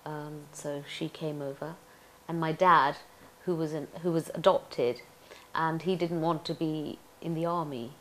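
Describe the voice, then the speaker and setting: Middle-aged woman, from Tanzania, deep-pitched, reflective, chatty, oral history interview, faint background noise. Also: steady tone, a little slow, a bit bright. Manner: chatty, reflective, laughs often. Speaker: interviewee, actress.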